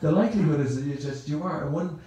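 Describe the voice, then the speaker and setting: In a very echoey temple hall, a man from Ireland delivers a meandering, chatty Sunday talk, often repeating words. He talks fast in a mellow voice on the high side, and the sound is lo-fi.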